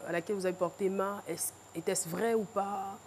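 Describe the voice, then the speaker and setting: A woman's voice: medium pitch, fairly even intonation, normal speed, a little mellow, a little hiss or hum. A woman hosting a TV studio show, interviewing a guest and welcoming the next one with energy. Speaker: TV show host. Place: TV studio with audience.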